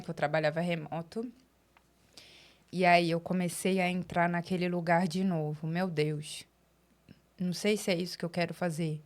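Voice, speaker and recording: Brazilian woman, interview guest, lower voice, lively storyteller who acts out quoted dialogue. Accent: Brazilian Portuguese.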